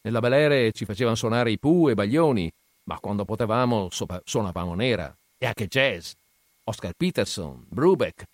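A man voicing a brusque, hurried middle-aged factory owner who talks in a curt, businesslike way. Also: on the low side, lively intonation, no echo, clean studio sound, close to an everyday voice.

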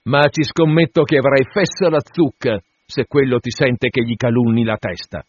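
A man's voice: medium pitch, normal speed, breathy edge, no room sound, lightly acted. Man doing a sly mocking innkeeper. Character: teasing middle-aged male innkeeper, sly and mocking. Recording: dull lo-fi dry recording.

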